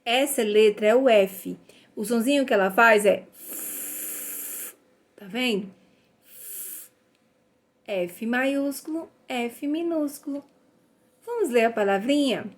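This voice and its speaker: A woman's voice: fairly high pitch, slow pace, pauses often. A woman teaching a phonics lesson to young children. She sounds out letters one by one and praises the children cheerfully. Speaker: literacy teacher.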